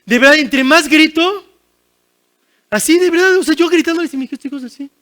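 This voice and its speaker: A man delivering a sermon in a very high voice with a bright, forceful edge. He preaches earnestly, repeating his pleas over and over, and now and then pokes fun at himself. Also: moderate pace. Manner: earnest, repetitive pleading cadence. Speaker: guest pastor.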